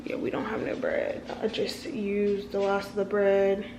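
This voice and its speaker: A woman's voice: medium pitch, completely flat delivery, unhurried, dull audio, background noise. A young American woman chatting informally to the camera, using slang and repeating phrases for emphasis. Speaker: vlogger. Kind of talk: casual chat to the camera.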